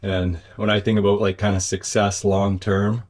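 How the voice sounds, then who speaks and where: A man's voice: fairly low pitch, flat delivery, normal speed, a little mellow. A man speaking as an interview guest in a reflective, conversational way, thoughtful and often searching for his words. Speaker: interview guest, business owner.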